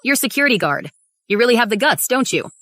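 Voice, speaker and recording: A woman's voice: a little high, very animated, fast, sharp tone, no echo. A woman dubbing an arrogant, spoiled young heiress who talks down to everyone, recorded dry in a studio. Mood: sneering. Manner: sneering, haughty. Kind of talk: English drama dub.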